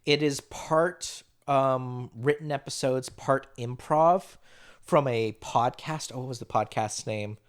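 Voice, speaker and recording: A man in casual podcast chat, talking in an animated, rambling way with frequent laughs. His voice sits at an ordinary middle pitch for a man. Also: slow. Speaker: podcast host.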